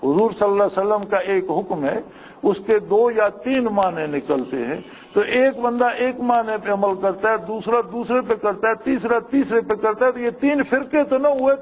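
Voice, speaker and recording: A man preaching a sermon in a high voice, pressing his points with rhetorical questions. His voice carries a long hall reverb, and the sound is muffled and dull.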